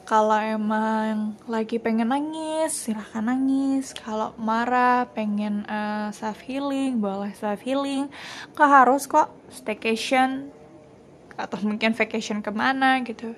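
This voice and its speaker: A young woman hosting a casual solo podcast, talking in a gentle, reassuring way and slipping English phrases into her speech. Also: fairly high pitch, a little slow, a little hiss or hum. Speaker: podcast host.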